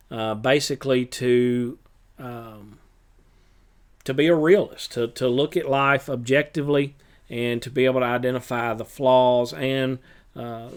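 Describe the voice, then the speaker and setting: A man with a clear, smooth voice at a middle pitch, talking as a teacher reviewing for a test. He speaks in a relaxed, unhurried way and fills pauses with uhs and ums. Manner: relaxed, with many filler uhs. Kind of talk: recorded review lesson.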